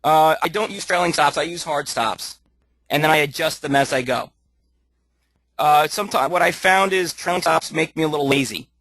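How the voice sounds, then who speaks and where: A man coaching live trades on his screen, thinking aloud with lots of fillers and restarts, a little hoarse as his voice starts to go. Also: fairly high pitch, moderate pace, a bit bright, no echo. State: losing his voice. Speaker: trading coach. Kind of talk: live screen-share trading tutorial.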